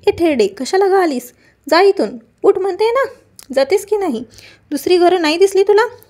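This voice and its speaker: A woman doing a haughty scornful queen, shouting, high sharp voice, storybook tale. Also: animated, moderate pace. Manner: shouting, contemptuous.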